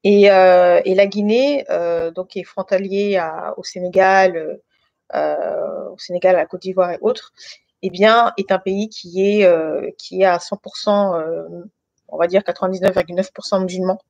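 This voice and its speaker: A woman's voice: lowish voice, fairly even intonation, normal speed, creaky, a little mellow, no room sound, lo-fi sound. A woman born in France to Guinean parents, speaking casually and with many hesitations while she gives a faith testimony and leads a prayer over an online call from her living room. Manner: hesitant, many fillers and restarts. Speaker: guest giving a faith testimony.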